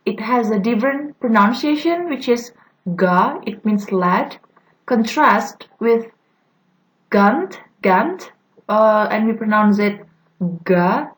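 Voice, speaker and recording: A young adult woman whose first language is Indonesian gives a class presentation on phonetics as a student presenter, her voice fairly high and the recording low in quality. She speaks haltingly, with frequent "uh" fillers and restarts.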